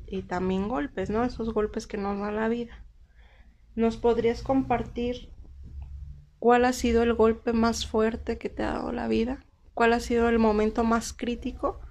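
A woman's voice: a little high, darkish tone. A woman hosting a casual podcast interview, playful and teasing with her guest. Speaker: podcast host.

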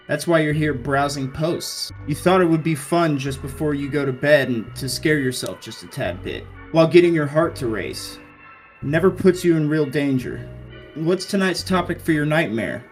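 Man ominously reading a creepy story. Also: a little high. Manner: ominous second-person reading. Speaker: podcast co-host.

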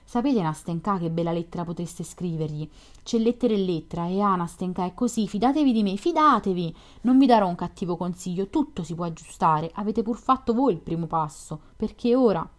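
A woman's voice: on the low side, animated, brisk, natural voice. An eager, earnest young dreamer from a storybook, as a woman reads him aloud. He talks fervently and persuasively, in a voice raised a little above her plain reading.

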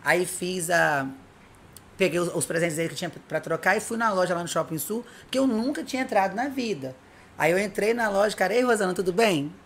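A woman, chatting casually and telling lively stories, acting out dialogue as she goes. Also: on the low side, fairly quick, slight background noise. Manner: animated storyteller, acts out dialogue. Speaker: podcast guest, police officer. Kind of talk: casual chat.

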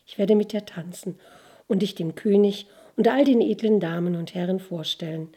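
A woman's voice: mid-range voice, normal speed, warm tone, slightly rough, lightly acted. A woman voicing a handsome young nobleman in a fairy tale, who speaks earnestly and tenderly.

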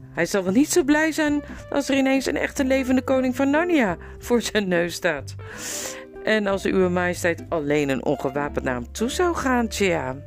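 A woman reading aloud, voicing a grave middle-aged male noble lord who speaks in an earnest, courtly way. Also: mid-range voice. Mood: cautious.

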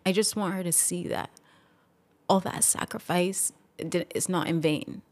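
A woman's voice: on the low side, fairly even intonation, measured pace. Reflective woman in a podcast interview. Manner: reflective, gets emotional and laughs it off. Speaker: podcast guest. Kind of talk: casual interview talk.

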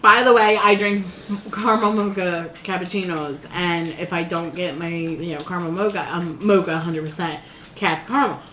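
A woman's voice: fairly low pitch, normal speed. A woman co-hosting a casual podcast chat, telling stories animatedly and acting out what other people said. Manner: animated storyteller, acts out quoted voices. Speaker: podcast co-host. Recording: echoey room with faint background noise.

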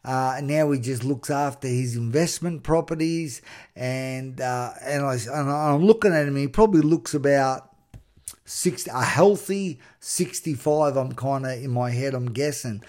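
An earnest man from Australia, middle-aged, talks through his travel stories in a solo podcast. He speaks at an ordinary pitch, and he gets excited and stumbles over his words as he pushes a motivational message. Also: unhurried. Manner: earnest and excitable, with many restarts and repeated words. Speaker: podcast host. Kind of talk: motivational storytelling monologue.

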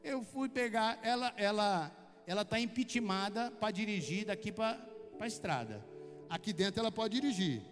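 Man, Brazilian accent, very high voice, chatty sermon storytelling, long hall reverb, faint music behind. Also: lively intonation, moderate pace. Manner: chatty storytelling, addresses listeners as brother. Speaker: preacher. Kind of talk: conversational sermon with personal anecdotes. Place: church hall.

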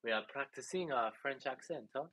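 A man's voice: medium pitch, fairly quick, crowd noise. A man co-hosting a podcast, talking in a dry, self-deprecating way. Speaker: podcast co-host. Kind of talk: casual chat. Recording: muffled lo-fi sound.

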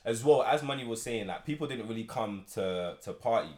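A man's voice: mid-range voice, lively intonation, brisk, darkish tone. A young man with a London roadman accent, chatting casually on a podcast in rambling slang with repeated starts. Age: young adult. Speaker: podcast co-host. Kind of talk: casual group chat.

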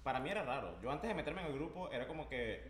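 A man's voice: mid-range voice, fast talker. A man with a Venezuelan accent, a podcast guest telling stories in casual chat and acting out quoted remarks. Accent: Venezuelan Spanish. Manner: animated storytelling, acts out quoted remarks. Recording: echoey room with faint noise.

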